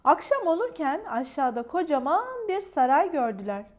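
Animated woman reading a children's story. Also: high-pitched, moderate pace. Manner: animated, expressive.

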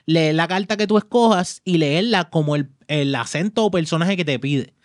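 A man's voice: a little high, normal speed, dry recording, clean studio sound. A Puerto Rican man hosting a casual podcast chat, loose and slangy, often talking over the others. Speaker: podcast host.

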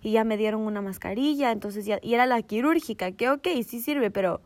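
A woman's voice: fairly high pitch, brisk, dry recording. Young-sounding woman telling a story. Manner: animated, laughing, mixes English slang. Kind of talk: casual chat.

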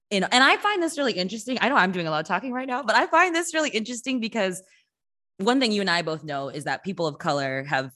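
A woman hosting a podcast, talking in a lively, frank and teasing way. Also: low voice. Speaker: podcast host.

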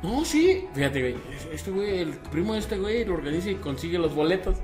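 A man's voice: sits high, quick pace. A man with a Mexican accent bantering casually with friends, using heavy slang and swearing freely. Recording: faint music behind the voice.

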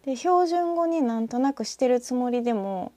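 A woman from northern Osaka with a Kansai accent, talking alone in a rambling, reflective way and often trailing off into soft asides. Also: high-pitched, lively intonation, moderate pace, dry recording. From northern Osaka, Japan. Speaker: podcaster. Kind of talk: casual solo talk with a short reading.

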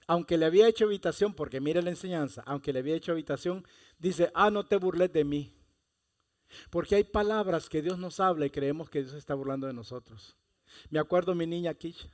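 A man preaching a sermon, speaking with passion and rising to loud exhortations. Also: fairly high pitch, fairly quick. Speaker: pastor.

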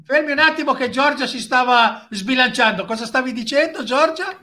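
A man's voice: very high-pitched, lively intonation, moderate pace, sharp tone. A man hosting a casual live talk show, teasing and prodding his guests.

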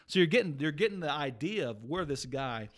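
A man's voice: a little high, expressive, fairly quick. A man talking casually and earnestly as a Bible teacher, walking through a psalm in conversation with many restarts. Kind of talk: casual Bible study chat.

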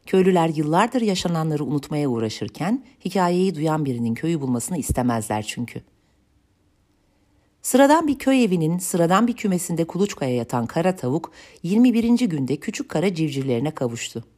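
A woman narrating a storybook tale in an even, measured reading voice. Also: deep voice.

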